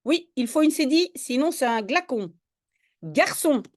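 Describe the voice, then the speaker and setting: A woman's voice: high-pitched, expressive, normal speed, darkish tone. A woman tutoring a student in French spelling, patiently explaining each word step by step. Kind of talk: one-on-one spelling lesson.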